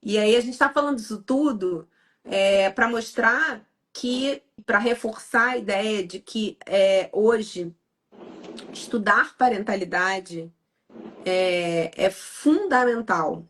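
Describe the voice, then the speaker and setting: A woman with a mid-range voice talks in an easygoing podcast conversation. She is a psychologist and a mother, and she makes her points in a thoughtful, measured way. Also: mid-range voice, fairly bright tone.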